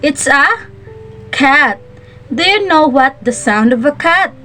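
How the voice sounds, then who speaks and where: A woman's voice: high voice, expressive, takes it slowly, bright, forceful tone. A woman speaking as a kids show host, teaching young children with simple, encouraging questions and repeats. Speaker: children's lesson presenter. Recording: faint music behind the voice. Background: faint music.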